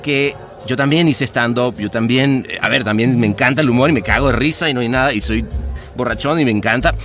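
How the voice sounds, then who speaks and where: A man's voice: medium pitch, brisk, a bit bright, faint music behind. Reflective Venezuelan man, rambling. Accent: Venezuelan Spanish. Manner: reflective, rambling with many restarts. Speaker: podcast guest. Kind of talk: casual conversation.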